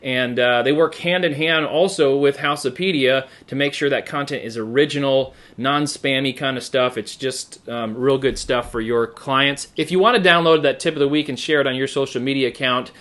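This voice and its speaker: A man hosting a live online show, chatty and energetic, with frequent fillers. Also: medium pitch, normal speed, few pauses. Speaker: host.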